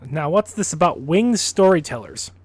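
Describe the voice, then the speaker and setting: A man's voice: a little high, big pitch swings, normal speed. A man streaming a game, chatting and reading in-game books aloud. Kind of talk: casual gameplay commentary and reading aloud.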